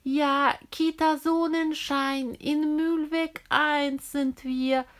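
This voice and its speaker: A woman's voice: sits high, steady tone, drawn-out words. A woman voicing a kindly kindergarten teacher. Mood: flustered. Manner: gentle, chatty, a little flustered. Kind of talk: playing with toy figures for children.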